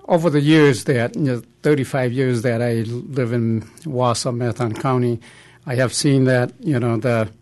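A middle-aged or older man giving his opinion haltingly, often saying "you know". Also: mid-range voice, fairly even intonation, a little mellow. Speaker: panel guest. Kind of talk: unscripted opinion in a discussion.

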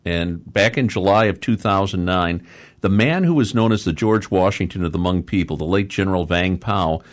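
A man's voice: deep voice, normal speed. A man hosting a public affairs interview, introducing topics and putting questions to guests. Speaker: host.

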